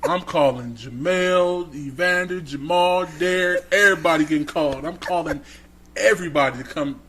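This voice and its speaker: A man's voice: fairly high pitch, moderate pace. A man co-hosting a podcast, telling a story in casual, slangy chat and acting out the people he quotes. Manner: animated, slangy, acts out quotes. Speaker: podcast co-host.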